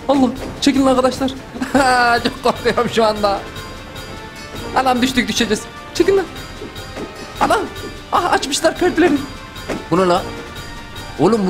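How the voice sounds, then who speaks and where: A man doing live gameplay commentary for his channel, panicky and excitable, with loud exclamations and slangy asides. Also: extremely high pitch. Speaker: gaming YouTuber. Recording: clear music underneath. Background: game background music.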